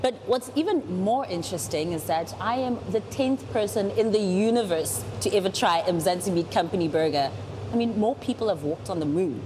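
A woman's voice: medium pitch, a little fast, noisy background. Bubbly woman reporting in kitchen. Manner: bubbly, enthusiastic. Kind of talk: on-location presenting.

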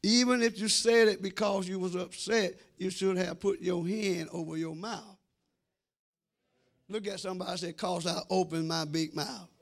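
Creaky and high, his voice moves at normal speed with fairly even intonation. The middle-aged American senior pastor preaches a sermon in a church sanctuary on a handheld microphone, drawing out phrases with emphasis and addressing the congregation head-on.

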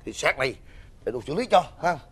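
An actor playing a loud, panicky husband who is boss to his drinking friends, with an exclamatory way of talking. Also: on the high side, rapid-fire, slightly rough, exaggerated voice. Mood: panicked. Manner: excitable, exclamatory.

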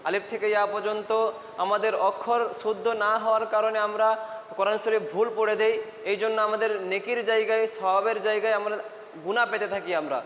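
Brief: male recitation teacher, high voice, drills letter sounds over and over, echoey room, faint ambience. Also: fairly bright tone, slight background noise. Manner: repeats letter sounds slowly and emphatically. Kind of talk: spoken pronunciation lesson.

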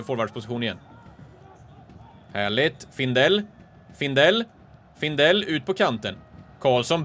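A man from Sweden hosting a gaming channel, giving casual play-by-play commentary that swings from calm remarks to excited shouts. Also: medium pitch, a little hiss or hum.

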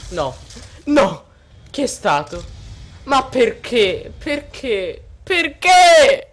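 A gamer giving gameplay commentary, swinging between low muttering and outraged yelling at opponents. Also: big pitch swings, drawn-out words, breathy edge.

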